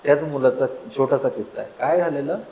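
A man hosting a casual conversation, telling stories in a relaxed, agreeable way. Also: medium pitch, quick pace. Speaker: host. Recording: echoey room with faint background noise.

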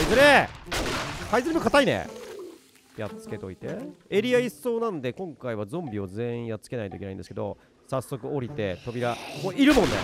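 A man giving let's play commentary on a survival game, muttering to himself and then breaking into excited outbursts. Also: medium pitch, gravelly. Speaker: game streamer.

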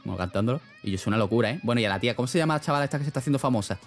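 Young male streamer, loose rambling chat to viewers, medium pitch, soft music bed. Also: lively intonation, rapid-fire. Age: young adult. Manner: rambling, slangy, laughs often. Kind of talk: casual chat reading live chat.

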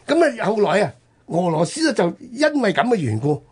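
On the radio, a husky, high-pitched man with a Hong Kong Cantonese accent relates history in a chatty way, his pitch swinging broadly. He speaks emphatically, like a storyteller, dragging out the particles at the close of each phrase.

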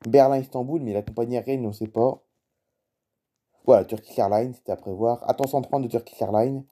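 A man with a mid-range, warm voice talks briskly and fairly evenly while casually narrating a live flight-tracking map in a screen recording. He reads out cities and plane types, chats with viewers, and seems puzzled by place names he doesn't recognize.

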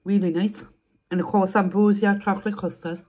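A woman's voice: mid-range voice, little pitch movement, a little fast, a little mellow. A young woman, chatting casually while eating on camera and repeating herself as she rambles. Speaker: food vlogger. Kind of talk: casual mukbang chat.

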